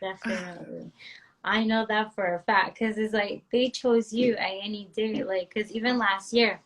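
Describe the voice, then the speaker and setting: A woman's voice: medium pitch, fairly even intonation, moderate pace, rough recording. A woman from Barbados in a casual chat, speaking earnestly, agreeing readily and laughing often.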